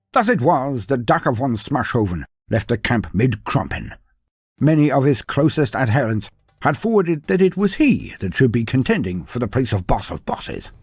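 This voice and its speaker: A fantasy lore narrator, this man uses a medium-pitched, darkish voice with a breathy edge for theatrical, grandiose scripted storytelling. There is no echo, and background music runs beneath him.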